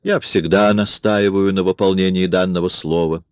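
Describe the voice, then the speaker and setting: A man voicing a cold, mocking man in an audiobook, with a smooth, coolly taunting manner. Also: low voice, steady tone, moderate pace, a little mellow, no room sound, muffled recording, natural voice. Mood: menacing. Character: cold, mocking man forcing himself on a woman. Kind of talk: audiobook character reading.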